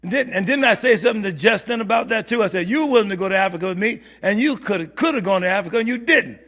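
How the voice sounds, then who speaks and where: A man preaching as a bishop at a church prayer meeting, animated and laughing, sometimes rising to shouts. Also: high-pitched, rapid-fire. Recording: hall reverb.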